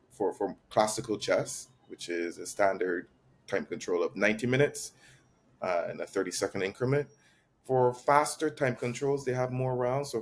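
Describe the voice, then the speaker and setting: A man from Barbados, a chess master guest, explaining things in a measured way with frequent ums and restarts. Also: fairly low pitch. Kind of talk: explanatory interview talk. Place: Barcelona.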